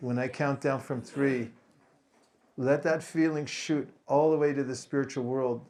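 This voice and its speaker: A man giving a spiritual talk to a gathering, speaking slowly and deliberately and pausing for his translator. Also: mid-range voice, fairly even intonation, a little mellow. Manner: slow, deliberate, leads group chanting. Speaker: visiting speaker.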